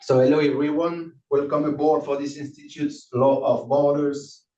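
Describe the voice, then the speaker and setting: A man hosting and lecturing an online class, friendly and halting with many restarts, on a video call. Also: on the high side, level tone, warm tone. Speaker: course lecturer and host. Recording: distant, roomy, dull video call audio.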